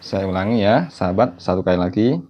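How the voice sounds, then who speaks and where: A man teaching Quran reading melodies, speaking slowly and adding "ya" after his phrases, and singing short phrases as examples. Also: low voice, lively intonation, muffled recording. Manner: slow, repeats "ya" after phrases, sings melodic phrases to demonstrate. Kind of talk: online recitation lesson.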